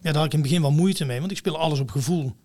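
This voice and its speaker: A man's voice: a little high, racing, a little mellow. A man telling a story in casual conversation, blunt and swearing freely, acting out the other people's voices. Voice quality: rough singing voice. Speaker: guest, singer-songwriter.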